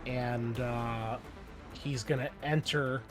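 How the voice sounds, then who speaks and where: With music in the background, a man of medium pitch speaks slowly in a steady tone. He hosts the show and serves as game master for a tabletop roleplaying game, narrating in a wry, casual and descriptive way.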